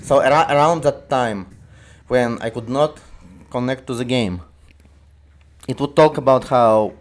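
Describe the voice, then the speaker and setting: Russian accent guy talking over his gameplay, kinda halting, lots of restarts, regular mid voice. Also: medium pitch, a little hiss or hum. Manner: hesitant, halting, with frequent restarts. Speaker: gaming video creator. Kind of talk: casual commentary over gameplay.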